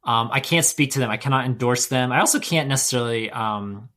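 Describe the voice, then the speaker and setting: A man's voice: medium pitch, a little fast, pushed and bright. A man from the US hosting a podcast, talking in a rambling, enthusiastic, exclamatory way. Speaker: podcast host. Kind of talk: casual video-call chat.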